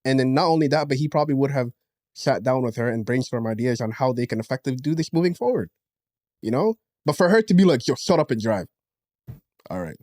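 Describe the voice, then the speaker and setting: A man's voice: mid-range voice, lively intonation, quick pace, darkish tone, no echo, clean studio sound. A man co-hosting a podcast in casual chat, slangy and easygoing, dropping "yo" and "fam" as he argues his side. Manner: slangy, peppers talk with "yo" and "fam". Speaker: podcast co-host.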